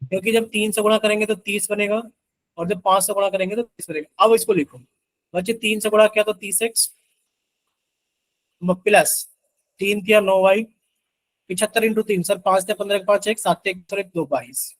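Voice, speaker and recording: A man's voice: high-pitched, fairly even intonation, normal speed, pauses often, dry recording, rough recording. A man teaching an online math class, coaxing students to answer and working sums aloud with chanted multiplication tables.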